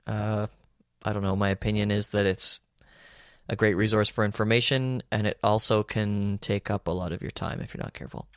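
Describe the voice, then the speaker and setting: A young man with a Canadian accent co-hosts a casual podcast, brushing off silly listener questions in a joking, brisk way. His voice is low and smooth, recorded close on a dry mic with no room sound. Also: fairly even intonation, fairly bright tone, no echo. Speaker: podcast co-host.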